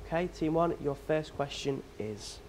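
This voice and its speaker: A man's voice: on the high side, animated, a little slow, a little mellow, a little hiss or hum. A young man hosting a staged quiz show, with upbeat, teasing presenter patter. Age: young adult.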